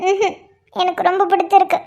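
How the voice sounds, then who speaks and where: A woman's voice: very high-pitched, flat delivery, quick pace, dark tone, highs cut off. A woman voicing a young wife in a cartoon, whiny and tearful at times, bubbly and delighted at others. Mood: happy. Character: young wife, emotional, sulky then joyful. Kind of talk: cartoon dialogue voice acting.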